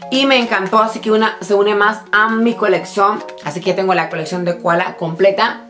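A woman doing a casual shopping-haul vlog, chatty and excitable, talking straight to her viewers while tired. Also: medium pitch, brisk, soft background music. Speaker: vlogger showing a shopping haul. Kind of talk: casual chatty product show-and-tell.

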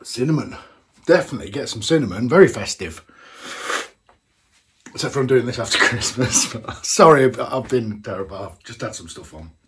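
A man's voice: medium pitch, animated, moderate pace, a bit bright, a little hiss or hum. Chatty man tasting homebrew. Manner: chatty, rambling, thinks aloud with fillers. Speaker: homebrew beer reviewer. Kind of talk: casual tasting vlog. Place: small indoor home brewing room.

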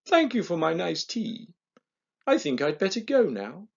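A big storybook tiger acted out by a man, hungry but very courteous. He speaks deliberately in a raised, lilting voice, on a slightly dull recording. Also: high voice, very animated, vocal fry, voice pushed up, heavily acted. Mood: satisfied, polite.

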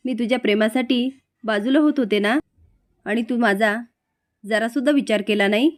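Scheming young woman, whiny and accusing, read by a woman narrator with a fairly high voice. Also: normal speed, natural voice. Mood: whining. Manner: accusing, melodramatic.

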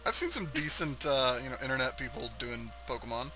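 A man's voice: mid-range voice, animated, brisk, music in the background. A man chatting casually while playing a video game, cracking crude jokes and putting on silly voices. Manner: crude joking, mock voices. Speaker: co-host of a gameplay video. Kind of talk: casual gaming chat.

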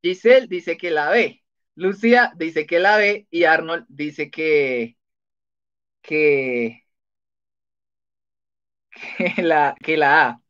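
A man with a fairly high, slightly bright voice draws out his words and leaves long pauses. He's hosting a casual spelling quiz on a live stream, chatty and often laughing as he reads out answers, in dull lo-fi sound.

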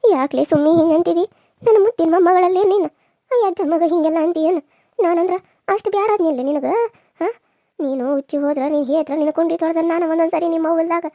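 A frail old village grandmother in a cartoon serial, voiced by a woman, speaking. She laments and reproaches in a high, quick voice. The tone is mellow and the sound is dry. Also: fairly even intonation, no room sound. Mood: hurt.

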